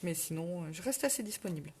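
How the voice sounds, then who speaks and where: A woman's voice: on the low side, animated, fast, a little mellow, slight background noise. A middle-aged woman with a Ch'ti accent hosting a casual live crafting tutorial at home, chatting, self-correcting and answering viewer comments. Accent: Ch'ti (northern French). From northern France. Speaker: crafting host on a live stream.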